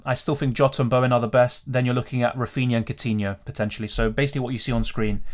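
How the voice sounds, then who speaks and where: Thinking out loud on his fantasy football livestream, a man from Argentina reads out viewers' questions and answers them in a relaxed, conversational way. He speaks at a medium pitch.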